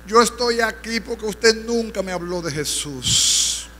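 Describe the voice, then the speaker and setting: A man's voice: high-pitched, expressive, unhurried, pushed and bright, slight background noise, pitched above the performer's own voice, full character voice. A man voicing a damned neighbor crying and pleading from the flames of hell, in a reverberant church hall. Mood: wailing.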